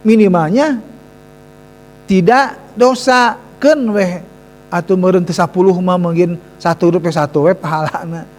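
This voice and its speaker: A man with a Sundanese accent teaching Quran recitation casually, slowly drawing out recited phrases and repeating syllables to correct pronunciation. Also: sits high. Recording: long hall reverb, faint mains hum.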